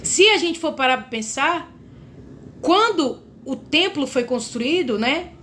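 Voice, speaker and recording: A woman's voice: high-pitched, expressive, takes it slowly, a bit bright, slight background noise. A woman with a Brazilian Portuguese accent preaching a fervent sermon, often calling her listeners brothers.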